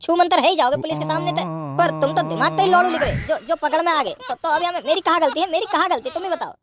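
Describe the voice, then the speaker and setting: A woman voicing a cowardly cartoon villager who stammers and pleads fast. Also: extremely high pitch, loud music behind the voice. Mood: pleading.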